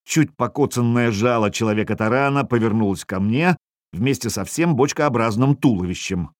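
A man reading a first-person audiobook in a wry, expressive way, voicing the dialogue as he goes. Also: mid-range voice, normal speed, no echo, clean studio sound. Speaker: audiobook narrator.

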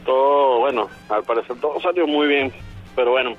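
A guest calls in by mobile phone for a casual chat, rambling and scattering fillers like "bueno" and "o sea." His voice is medium-pitched at a normal speed, heard over a dull phone line with faint music behind.

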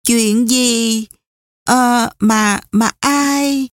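A woman's voice: steady tone, drawn-out words, dry recording. A nervous young wife asks her questions in a raised, stumbling voice, as a woman narrator puts her on. The sound is close and dry. The storybook reading lifts her well above the narrator's usual tone. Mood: stammering. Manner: high, anxious, stammering. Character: anxious young Southern wife.

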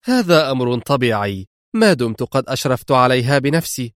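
A man's voice: medium pitch, big pitch swings, a little fast, dry recording, studio quality, close to an everyday voice. A man voicing a smug, cool woman who works as a criminal operative, in an audiobook reading. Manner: smug, irritated.

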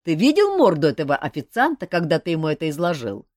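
A woman's voice: low voice, sing-song, fast, a little mellow, dry recording, studio quality. A woman voicing a jovial male companion who teases his friend. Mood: teasing. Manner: teasing.

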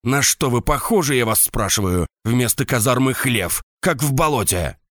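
A man voicing a hoarse, bullying drill sergeant who barks crude insults and commands at his soldiers in an audiobook. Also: mid-range voice, expressive, normal speed, no room sound, clean studio sound, voice pushed up, lightly acted. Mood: barking, scolding. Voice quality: hoarse barking shouts.

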